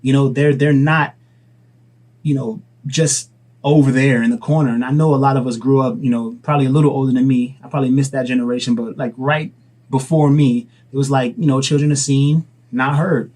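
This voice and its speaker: A man's voice: medium pitch, steady tone, a little fast, a little mellow. A young adult man, a father and vlogger, giving casual advice in an earnest, rambling way. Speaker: dad vlogger and entrepreneur.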